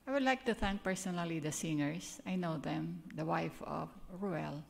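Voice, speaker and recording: Preaching a church sermon and leading a prayer as a guest speaker, this older Filipino woman talks in an earnest, chatty manner and laughs at herself. She has a Filipino accent and a low, gravelly voice at normal speed.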